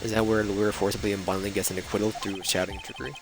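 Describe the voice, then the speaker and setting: A man voicing a proud, stern male prosecutor in a game, lecturing in a low voice over game music. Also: little pitch movement, very fast, lightly acted. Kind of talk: reading game dialogue aloud.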